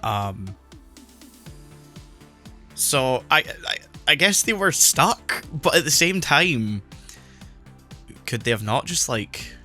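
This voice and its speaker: A man co-hosts a casual podcast, recording remotely on a new microphone while his voice is still recovering from being lost. His mid-range voice swings widely in pitch and comes across bright and forceful, moving slowly with frequent pauses. He rambles with lots of fillers and restarts over soft background music.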